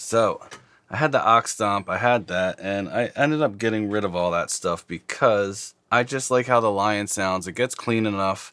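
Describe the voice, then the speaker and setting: A man's voice: low voice, pushed and bright, no room sound. A man in his forties chatting casually and loosely as he hosts a video, his mouth slightly numb from the dentist. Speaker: host of guitar gear videos. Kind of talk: casual chat to camera. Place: small dark studio, indoors.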